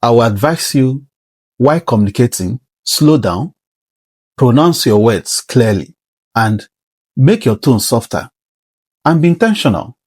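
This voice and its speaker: Husky-voiced man with a heavy accent. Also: medium pitch, a little mellow, dry recording. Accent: non-native English, heavy. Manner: measured, earnest, instructive. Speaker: career vlogger. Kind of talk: advisory talk to camera.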